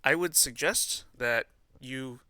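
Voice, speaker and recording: This math teacher, a man with a mid-range voice, goes slowly, his tone sharp and clean. Standing at the board, he explains the lesson and dictates each piece of notation as he puts it down.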